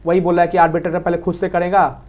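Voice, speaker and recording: A man with an Indian accent giving a quick exam revision lecture on law, talking fast and repeating key points to his students. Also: high voice, level tone, darkish tone. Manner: quick, repetitive, addresses students as sir. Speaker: law teacher.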